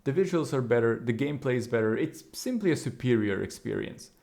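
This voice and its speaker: Male narrator, scripted game review, gravelly texture, dry opinionated delivery. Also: medium pitch, animated, fairly quick, a little mellow. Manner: opinionated, wry asides.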